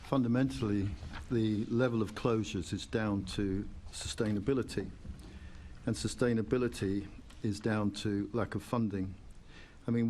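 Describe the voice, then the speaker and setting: A man's voice: fairly low pitch, darkish tone, slight background noise. A man, a charity chief executive, giving direct, firm evidence to a council committee in its chamber. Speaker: invited panel witness, charity chief executive.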